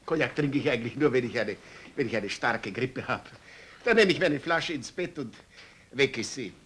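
A man's voice: mid-range voice, lively intonation, normal speed, a bit bright, breathy edge. An actor playing a timid, bashful man who stammers and cracks shy jokes in a 1950s comedy sketch. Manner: hesitant, stammering, self-mocking jokes. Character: timid bashful middle-aged man, joking shyly. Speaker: shy guest of a widow.

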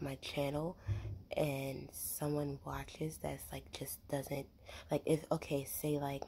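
A young woman rambling in a soft, half-whispered ASMR voice while chewing gum, with lots of fillers, close to the mic. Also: low voice, slight background noise. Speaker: ASMR creator.

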